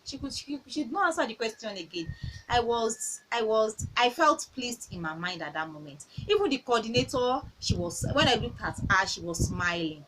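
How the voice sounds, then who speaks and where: Woman, high voice, earnest, repeats herself, parenting advice, faint hiss. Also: expressive, normal speed, fairly bright tone, low-quality recording. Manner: earnest, repeats phrases, tells personal anecdotes. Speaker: parenting talk host. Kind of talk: casual advice talk.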